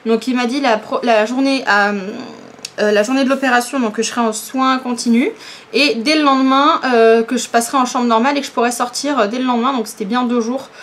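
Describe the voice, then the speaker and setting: A woman vlogger chatting casually to camera in a hesitant way with drawn-out fillers, an electric fan running nearby. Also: a little high, fairly even intonation. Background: electric fan running right beside her.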